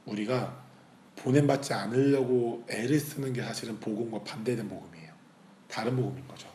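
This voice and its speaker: A man's voice: on the low side, brisk. Male pastor, 30s, emotional testimony sermon, echoey hall. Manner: emotional storytelling, shifting between loud outbursts and hushed quoted speech. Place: church hall. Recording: echoey church hall, faint ambient noise.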